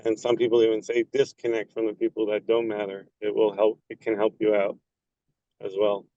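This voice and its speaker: A man's voice: on the low side, completely flat delivery, fairly quick, warm tone, no echo. A man casually introducing himself and sharing tips with a group on a call. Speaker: meeting participant, pavement broker. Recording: dull lo-fi call audio.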